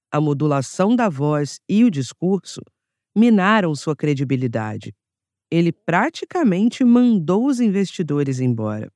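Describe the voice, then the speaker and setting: A woman with a Brazilian Portuguese accent reading a nonfiction audiobook in a clear, measured narration. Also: fairly low pitch, darkish tone, dry recording, clean studio sound. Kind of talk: scripted narration.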